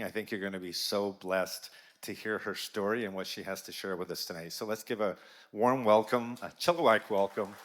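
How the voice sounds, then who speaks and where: A man emcees a gala and introduces the next speaker in a loose, informal way, with plenty of fillers. His voice sits on the low side for a man. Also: fairly bright tone. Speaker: event emcee.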